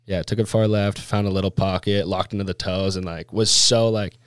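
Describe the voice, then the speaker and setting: In a studio-quality recording with no echo, a man tells stories as a relaxed interview guest, his low, smooth voice steady and a little fast. His casual chat is thick with snowboarder slang, "like" and "dude" popping up throughout.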